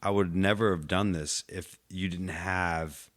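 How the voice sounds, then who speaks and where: A man's voice: low-pitched, steady tone, a little slow, a bit bright. A man co-hosting a podcast in casual chat, heartfelt and open, filling his sentences with "like". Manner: heartfelt, filler-heavy, says "like" constantly. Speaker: podcast co-host.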